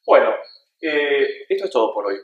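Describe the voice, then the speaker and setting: A man teaching a beginner Spanish lesson, drilling questions and answers slowly and carefully. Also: mid-range voice, sing-song, reverberant, narrow, tinny audio. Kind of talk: slow-paced language lesson.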